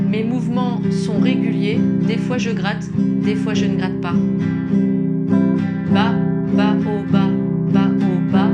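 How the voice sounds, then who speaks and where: A woman giving a patient guitar lesson, explaining chords slowly and singing short examples. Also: mid-range voice. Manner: patient, explains slowly, sings along softly. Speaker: guitar teacher. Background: acoustic guitar playing.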